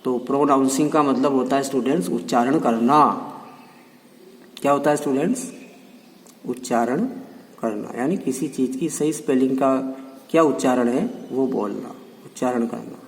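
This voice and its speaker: A male teacher explaining an English textbook lesson in Hindi. He reads the English lines slowly, then explains them and repeats the meanings with frequent check-ins. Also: medium pitch, a little hiss or hum. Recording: echoey room, voice from far off.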